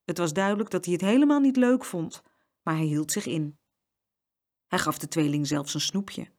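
A woman's voice: on the low side, moderate pace, a little mellow. A woman reading a children's story aloud and acting out the sound effects.

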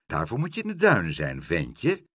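A man's voice: deep voice, huge pitch swings, moderate pace, a bit bright, no room sound, studio quality, full character voice. A man voicing a stern, bossy village baker's wife, curt and scolding, in a read-aloud children's story.

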